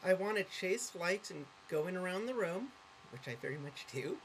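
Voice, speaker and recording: A woman vlogger with a lowish, animated voice speaks at normal speed in a casual monologue to camera. Earnest and openly affectionate, she rambles, keeps correcting herself, and gets sidetracked, all on a rough recording with slight background noise.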